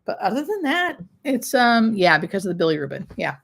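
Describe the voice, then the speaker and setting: A woman's voice: medium pitch, very animated, brisk, gravelly, fairly bright tone. Female hospice nurse, live-stream host, informal conversational delivery with plain explanations. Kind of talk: casual live-stream chat answering viewer questions.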